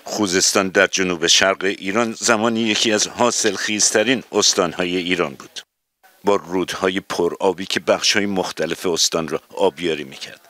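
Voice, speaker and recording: Deep-voiced man reading a news report. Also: sharp tone, no room sound. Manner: measured, formal delivery. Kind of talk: scripted news narration.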